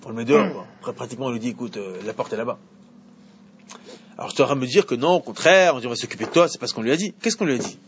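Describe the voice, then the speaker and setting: A man teaching an evening Torah class to a small group, animated, with bursts of emphatic preaching. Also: rapid-fire. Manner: animated, rises to emphatic high preaching at key points, interacts with listeners. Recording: dull lo-fi recording with faint background noise.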